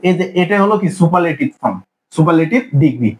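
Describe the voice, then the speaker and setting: A man's voice: fairly high pitch, expressive, fast, poor audio. A young man teaching an exam-prep grammar lesson, asking questions and answering them himself in repeated drills. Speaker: English teacher.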